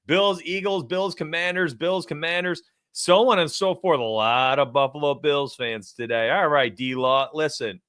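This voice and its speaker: A man's voice: fairly high pitch, a little slow, hardly any pauses, smooth, dry recording, studio quality. A forty-year-old man from New York, hosting a sports betting live stream and chatting energetically with his viewers. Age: 40s. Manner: energetic, talks straight to chat. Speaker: sports betting show host. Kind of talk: casual live-stream chat.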